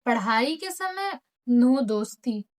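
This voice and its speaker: High-voiced teen girl telling a school story. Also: slow pace. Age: late teens. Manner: animated, acts out teachers and friends in quoted lines; mixes English phrases into her talk. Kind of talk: casual storytime chat.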